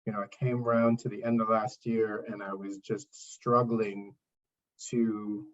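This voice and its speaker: Speaking in a lowish, level voice at a measured pace, a middle-aged singer-songwriter from Trinidad and Tobago muses through interview questions, wandering and self-deprecating in a relaxed way. The recording sounds dull and was made from a distance.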